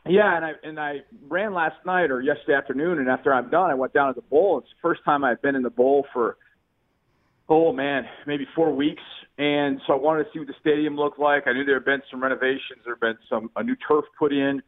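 A man's voice: medium pitch, brisk. A man calling in by phone as a sports reporter guest, chatting in an easygoing, storytelling way and laughing often, his Bluetooth line cutting in and out. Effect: phone call over a Bluetooth line that cuts in and out. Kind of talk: casual sports radio chat by phone.

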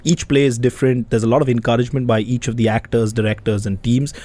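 A man's voice: mid-range voice, level tone, fast, mellow. A man chatting casually as a guest in an interview, a performer by role.

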